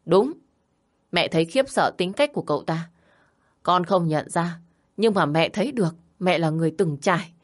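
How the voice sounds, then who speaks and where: A woman's voice: on the low side, expressive, normal speed. A woman voicing a stern, tearful mother. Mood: scolding. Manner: scolding, pleading.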